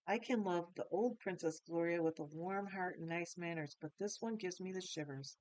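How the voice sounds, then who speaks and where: A woman's voice: lowish voice, moderate pace, a little mellow, dry recording, lightly acted, poor audio. A woman playing a frank little girl. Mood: earnest. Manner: earnest, plain.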